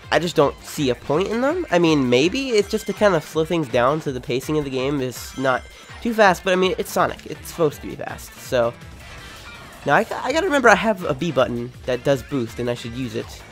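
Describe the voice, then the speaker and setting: A young man with a lisp giving casual, rambling, excitable and jokey commentary as he plays a video game. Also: mid-range voice. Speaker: video game let's play host. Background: video game music.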